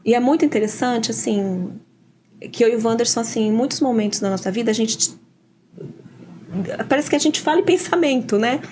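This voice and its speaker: Brazilian woman, guest storyteller, animated, lively, voice slightly high. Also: fairly quick, pauses often, slight background noise. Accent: Brazilian Portuguese. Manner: animated, often quotes dialogue with "eu falei assim". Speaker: interview guest, adoptive mother. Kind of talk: emotional personal storytelling.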